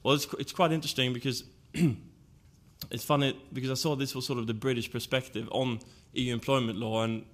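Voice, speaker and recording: Speaking with fairly even intonation and a middling male pitch, this man from Sweden lays out his argument in order during a panel talk. He has a Swedish accent, and his pace is measured and deliberate.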